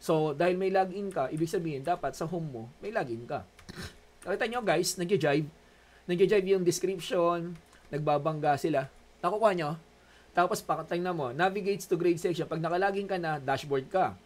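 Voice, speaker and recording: A man's voice: a little high, normal speed, darkish tone. A man with a Filipino accent giving an online class lecture as a college instructor, joking and chatty as he switches between Tagalog and English. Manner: joking, chatty Taglish teaching.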